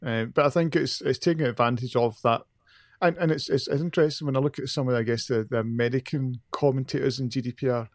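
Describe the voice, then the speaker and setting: A man's voice: mid-range voice, fairly even intonation, fast talker, no echo, clean studio sound. A man co-hosting a podcast in casual discussion. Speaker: podcast co-host.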